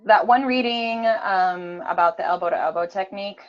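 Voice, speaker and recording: A woman's voice: mid-range voice, normal speed. A woman student chatting on a group video call over a bad, lagging internet connection, talking in a chatty, apologetic way. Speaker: student group member and note-taker. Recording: dull lo-fi video call audio.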